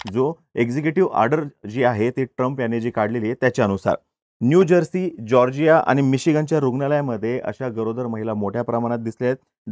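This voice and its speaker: A man's voice: mid-range voice, darkish tone, no echo, clean studio sound. A man hosting a news explainer, speaking steadily with occasional hesitation fillers.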